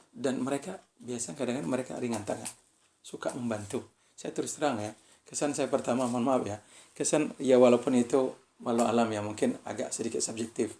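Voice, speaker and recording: A man giving a relaxed religious study talk to students, speaking with an Indonesian accent and checking in with his listeners often. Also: mid-range voice. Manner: conversational, keeps asking "ya kan?". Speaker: visiting preacher.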